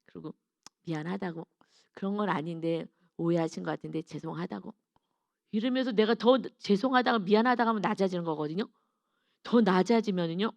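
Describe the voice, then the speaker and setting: A woman's voice: medium pitch, no room sound, lo-fi sound. A woman pastor giving an early-morning devotional sermon, earnest and emphatic, acting out quarrels in quoted voices.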